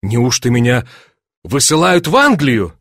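A man's voice: mid-range voice, big pitch swings, measured pace, a bit bright, no room sound, studio quality, heavily acted. A man reading an audiobook, voicing a panicked middle-aged banker who pleads in frightened, rising outcries.

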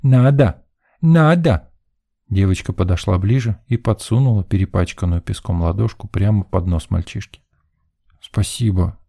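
Male audiobook narrator, low mellow voice, wry storyteller, dry close sound. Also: fairly even intonation, a little fast, vocal fry, few pauses, dry recording. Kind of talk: scripted first-person narration.

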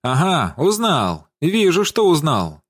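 A man's voice: a little high, big pitch swings, moderate pace, no room sound, studio quality, voice pushed up. A man reading an audiobook and voicing an indignant young woman who cuts her lover down with scorn. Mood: mocking. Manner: scornful, accusing, cutting.

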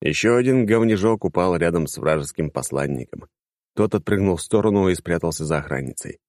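A man reading a first-person audiobook in a wry, lively narration style. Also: brisk, no room sound, studio quality. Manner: lively, wry, sweeping pitch.

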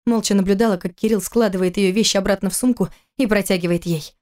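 A woman's voice: mid-range voice, fairly even intonation, quick pace, darkish tone. Woman narrating an audiobook. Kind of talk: scripted narration.

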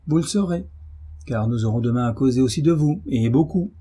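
Playing a furious middle-aged landowner in an audiobook, a man blusters, curses and shouts as this brutish, hot-tempered character. He talks a little fast in an animated, mid-range voice that has a breathy edge.

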